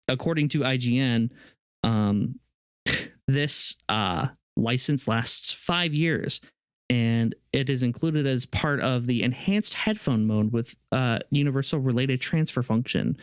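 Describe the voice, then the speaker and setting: A man's voice: medium pitch, clean tone, no echo, clean studio sound. A young man co-hosting a gaming podcast, rambling in casual chat with many fillers and restarts. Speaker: podcast co-host.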